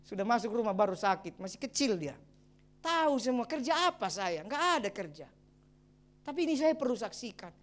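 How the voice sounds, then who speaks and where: A middle-aged man, a pastor, preaching a sermon and telling his own story in a lively way with exclamations and chuckles. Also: sits high, brisk. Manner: addresses the congregation as brothers and sisters. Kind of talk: sermon with personal testimony.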